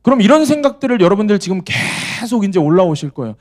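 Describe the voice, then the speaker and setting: A male pastor preaching at a church service, swinging between forceful raised appeals and hushed near-whispers, firing rhetorical questions at the congregation. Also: sits high, very animated, fast. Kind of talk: Friday evening revival sermon.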